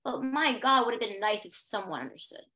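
A woman's voice: fairly high pitch, expressive, fairly quick, sharp tone. A young adult woman, a podcast guest, telling a personal story with intense emphasis and repeated phrases.

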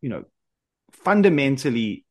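A man's voice: mid-range voice, normal speed. Easygoing South African male podcast host. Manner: relaxed, friendly, many fillers. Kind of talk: casual podcast chat.

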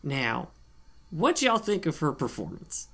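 A man's voice: fairly high pitch, very animated, a little slow, creaky, fairly bright tone, slightly rough. A man co-hosting a casual podcast chat, talking loosely with frequent fillers and asides. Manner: chatty, lots of fillers and asides. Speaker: podcast co-host.

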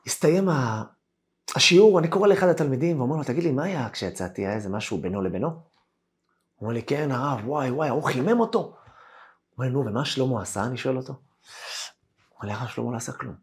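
A rabbi telling a classroom story in a Torah lesson, acting out the voices of the people in it. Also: male voice, mid-range voice, pauses often. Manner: animated storyteller acting out quoted dialogue.

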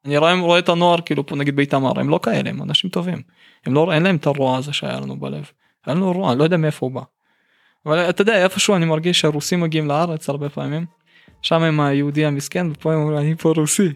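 A man's voice: fairly high pitch, animated, gravelly, no room sound, studio quality. A man from Russia with a Russian accent, talking candidly and colloquially in a casual interview as a musician guest. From St Petersburg, Russia.

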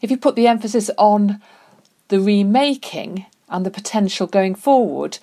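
A woman's voice: medium pitch, normal speed, warm tone. A woman interviewer asking probing questions in a conversational way.

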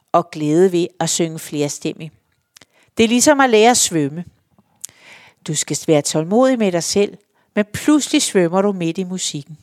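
A woman's voice: medium pitch, no echo, studio quality. A woman who is a singer and choir teacher, patiently explaining singing exercises step by step and counting in. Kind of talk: spoken singing lesson.

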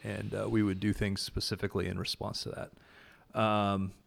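A guest who organized a prayer event describes the gathering in a fairly low voice with vocal fry, a flat delivery, and a moderate pace. His casual, earnest faith conversation is marked by many fillers and restarts.

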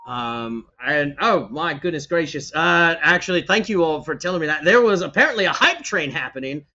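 Excitable man running a tabletop game. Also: a little high, dull audio. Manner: animated, excitable, quick to exclaim. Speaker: game master. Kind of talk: narrating a tabletop game on a live stream.

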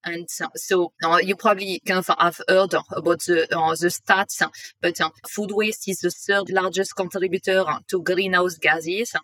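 Guest, French woman, 30s, bright tone, halting delivery full of fillers. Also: fairly low pitch, fairly even intonation, no room sound, low-quality recording. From northern France. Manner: hesitant, frequent "uh" fillers. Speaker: guest, company co-founder. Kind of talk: casual interview.

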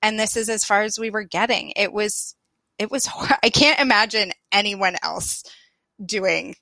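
A woman in her thirties telling a story in a casual conversation, animated and self-deprecating, often laughing. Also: medium pitch, measured pace, creaky, no echo. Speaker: guest.

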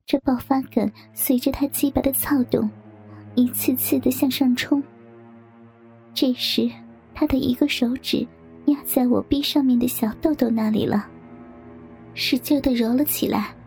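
A young woman reading a story aloud in hushed, intimate whispered narration. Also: high-pitched, fairly even intonation, a little slow, soft background music. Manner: hushed, intimate, breathy delivery.

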